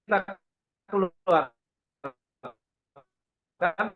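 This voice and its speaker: A man explaining a process on a video call while his audio breaks up and cuts out, with halting, repeated words. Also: high-pitched, phone-quality sound. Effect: choppy video-call audio, breaking up and cutting out. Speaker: workshop presenter answering questions. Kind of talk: casual explanation in an online session.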